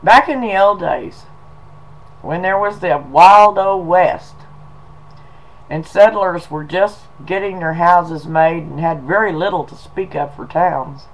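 Slow, folksy sounding man. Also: sits high, low-quality recording. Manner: folksy, slow, drawling delivery with y'all and 'em. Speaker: video blogger. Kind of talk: casual reading and storytelling.

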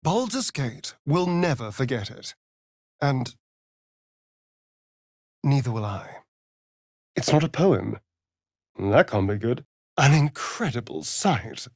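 An elegant, British-accented vampire rogue for a fantasy game drawls slowly, his pitch swooping with mockery and flirtation in a very animated, vain, arch and openly theatrical full character voice. He takes long pauses, with a breathy edge. The mood is arch and wry, on a dry, studio-quality recording.

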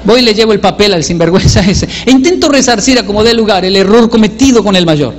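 A man doing stand-up storytelling, animated and self-mocking, acting out the voices of his family. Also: high-pitched, quick pace, long reverb tail. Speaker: comedian.

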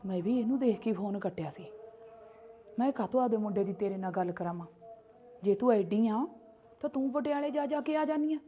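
A woman playing a sharp-tongued protective mother. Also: a little high, a little fast, slight background noise, natural voice. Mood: scornful. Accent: Punjabi. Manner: argumentative, scolding, defensive. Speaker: sister-in-law. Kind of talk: homemade family skit.

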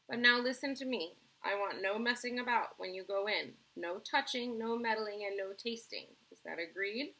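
Excitable candy-maker guy, big exclamations, gravelly and bright, a lady doing the voice. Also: medium pitch, rough recording. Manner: eager, emphatic, exclamatory. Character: excitable eccentric male candy-maker, grown man.

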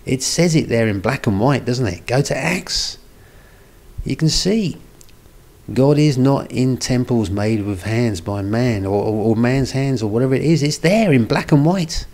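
A man's voice: mid-range voice, animated, unhurried, a little mellow. A man hosting a video response, arguing back at a comment with emphatic tag questions such as "isn't it?". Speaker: video host.

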